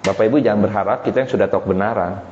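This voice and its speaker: A man's voice: on the low side, racing, a little mellow, a little hiss or hum. A man pastor preaching a sermon in a casual, chatty way, talking straight to the congregation. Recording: roomy dull hall sound with faint ambience.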